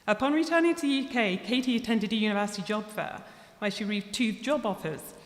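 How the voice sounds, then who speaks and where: A woman's voice: mid-range voice, quick pace. A woman giving a formal, scripted podium speech as an orator at a graduation ceremony. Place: large ceremony hall, amplified podium. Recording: echoey hall with long reverb.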